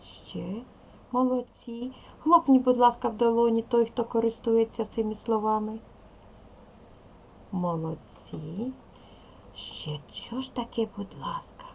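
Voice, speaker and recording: Gravelly-voiced woman teacher quizzing children. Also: on the high side, fairly even intonation, slow, dark tone, a little hiss or hum. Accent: Ukrainian. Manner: patient, questioning, prompting children with repeated questions. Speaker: primary school teacher. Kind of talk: classroom lesson, addressing young pupils. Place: classroom.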